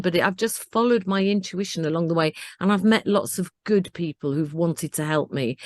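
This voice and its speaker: A woman's voice: fairly low pitch, dry recording, clean studio sound. Earnest older woman telling her story. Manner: earnest, animated storytelling with acted-out self-talk. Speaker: interview guest. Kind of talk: conversational interview.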